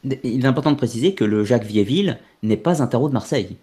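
A man's voice: mid-range voice, expressive, fast talker, warm tone, slightly rough. A man hosting a casual interview, giving short prompts and asking clarifying questions. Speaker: host.

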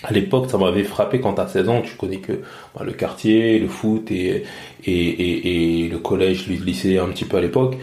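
Low, dark-voiced man with halting speech. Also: little pitch movement. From France. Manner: halting, many restarts and repeated words. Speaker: interview guest, media founder. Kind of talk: casual interview talk. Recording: roomy echo.

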